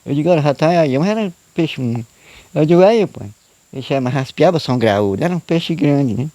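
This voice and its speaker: A man's voice: fairly high pitch, animated, a little fast, warm tone, dry recording. Folksy man telling tales. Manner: rambling, repetitive folksy narration with frequent "né?" and "eu digo". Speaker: storyteller guest. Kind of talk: casual spoken storytelling of a true tale.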